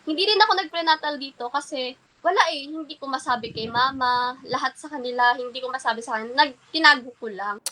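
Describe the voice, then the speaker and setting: A woman's voice: sits high, quick pace, sharp tone, slight background noise, poor audio. A woman being interviewed, telling her story politely and hesitantly, with many restarts and fillers. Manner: polite and hesitant, keeps addressing the interviewer respectfully. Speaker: interview guest.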